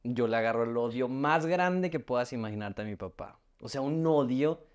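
A young man with a Mexican accent, heartfelt and halting as he tells his own life story on a podcast, often restarting his words. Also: medium pitch. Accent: Mexican Spanish. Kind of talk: emotional personal storytelling.

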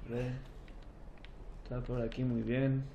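A man commenting on a horror game as he plays, swearing and shouting when something scares him. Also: mid-range voice, little pitch movement, a little slow, vocal fry, highs cut off, slight background noise. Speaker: gameplay commentator. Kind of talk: let's play commentary. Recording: roomy echo with faint game ambience.

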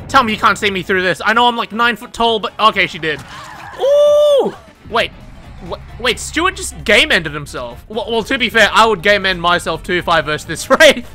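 A man giving casual, excitable, profane commentary over his own gameplay, laughing often. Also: high voice, fairly quick, soft background music. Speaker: gaming YouTuber.

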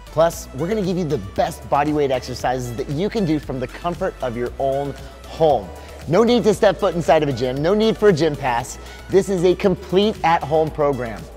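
A man in his forties, a fitness coach hosting a promo, talking in an upbeat, energetic, salesy way on a lapel mic in a bright studio. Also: fairly high pitch, normal speed, faint music behind. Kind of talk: scripted promo pitch. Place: large bright indoor studio.

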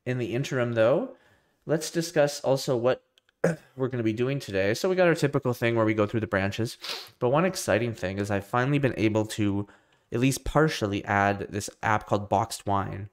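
A man's voice: medium pitch, moderate pace. A young man talking casually to his live stream while getting over a cold, his voice nasal and his talk loose and rambling. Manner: rambling, loose and self-deprecating, many restarts. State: tail end of a cold. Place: home room with a computer rack.

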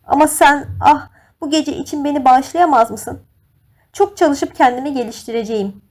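A woman's voice: high voice, lively intonation, moderate pace, a little mellow, pitched above the performer's own voice. A woman voicing a heartbroken young actress who pleads tearfully and imploringly with her lover. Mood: pleading.

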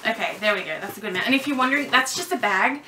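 A woman's voice: fairly high pitch, lively intonation, racing, sharp tone, slight background noise. A woman chatting casually to her camera while packing a parcel at home, a little nervous and apologetic, with her camera mic set a fair way away from her. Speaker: doll vlogger.

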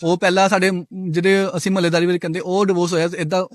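A man's voice: high-pitched, flat delivery, no room sound. A young man from Punjab, India, giving an insistent, repetitive account as the complainant in a street interview. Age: young adult. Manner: rapid, repetitive, insistent telling.

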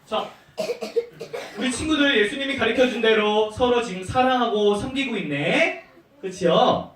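A man teaching a Sunday school lesson to small children, animated and asking them questions playfully. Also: very high voice, moderate pace, background noise. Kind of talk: children's sermon. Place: church children's room. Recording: echoey room from far off.

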